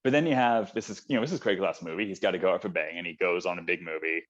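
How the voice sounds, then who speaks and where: Co-hosting a relaxed film podcast, this man speaks rapid-fire in a low voice with a fairly bright tone. His talk is enthusiastic and rambling, full of fillers, captured in dull lo-fi audio.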